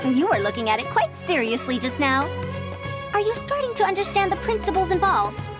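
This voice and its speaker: A woman's voice: very high-pitched, lively intonation, fairly quick. An actress voicing a confident, scholarly young woman researcher in a video game, instructive and precise, with music behind her. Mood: encouraging, teacherly. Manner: instructive, self-assured, precise. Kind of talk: video game character dialogue.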